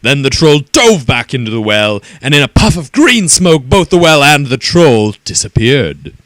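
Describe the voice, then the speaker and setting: A man reading a children's story aloud in an expressive, animated way. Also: medium pitch, moderate pace, dry recording.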